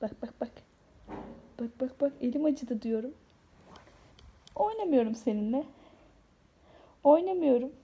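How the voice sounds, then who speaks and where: A woman's voice: on the high side, animated, measured pace, pauses often, husky, dull audio. A woman at home talking to her cat in cooing baby talk. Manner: cooing, affectionate pet talk. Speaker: cat owner filming her cat.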